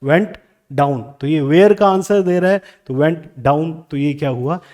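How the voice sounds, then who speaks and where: A man teaching English grammar in Hindi, asking questions and answering them himself, reading example sentences slowly with an Indian English accent. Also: on the high side, a little mellow. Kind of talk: classroom grammar lesson.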